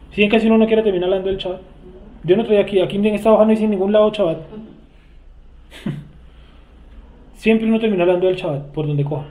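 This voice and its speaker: A man's voice: sits high, dark tone. A man with a Bogotá Colombian accent teaching a Bible study class in a conversational way, often checking that everyone follows and asking the class questions. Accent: Bogotá Colombian Spanish. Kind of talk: informal religious teaching.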